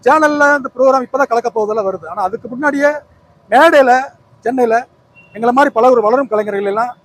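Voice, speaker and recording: A Tamil man with a very high voice rattles along quickly, reminiscing with heartfelt feeling at a memorial event. Faint ambient noise sits behind him. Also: a bit bright, low-quality recording. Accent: Tamil Nadu. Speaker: mimicry artist. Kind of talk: emotional tribute speech.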